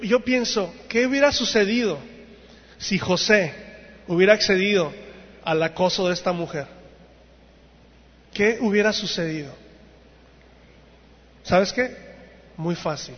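A man preaching a sermon to young people, telling the story in an animated way and acting out the voices in it. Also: high-pitched, measured pace, long pauses. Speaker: youth preacher. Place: church hall. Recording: dull sound, long hall reverb.

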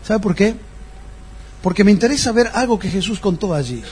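A man's voice: high-pitched, animated, brisk, a little mellow, slight background noise. A man preaching a sermon as pastor, explaining a text and putting rhetorical questions to his congregation.

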